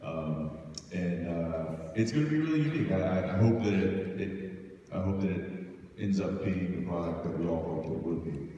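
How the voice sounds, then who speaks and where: A man speaking on a fan convention panel in halting, self-correcting casual talk. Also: low-pitched, expressive, mellow, highs cut off. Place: large convention hall. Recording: echoey hall from far off, noisy.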